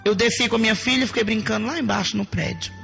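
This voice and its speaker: A woman's voice: fairly high pitch, quick pace, vocal fry, a bit bright, faint music behind. A woman preaching her personal testimony in an emphatic way, often calling out to her listeners as brothers and sisters.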